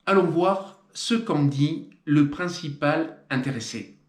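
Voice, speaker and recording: A man's voice: fairly high pitch, slow pace, reverberant, noisy background. A man hosting a trail running video, with playful, mock-solemn scripted commentary and theatrical emphasis.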